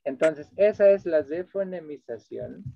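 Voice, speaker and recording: A translation instructor lectures online, switching between two languages as he explains and frequently checking whether listeners follow. His slightly raised, gravelly voice is animated, recorded dry and close with no room sound, through dull, lo-fi video-call audio.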